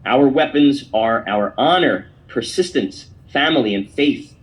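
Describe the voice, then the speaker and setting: A man's voice: mid-range voice, poor audio. A man hosting a podcast, giving opinion commentary and reading a poem aloud in an emphatic, declamatory way. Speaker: podcast host.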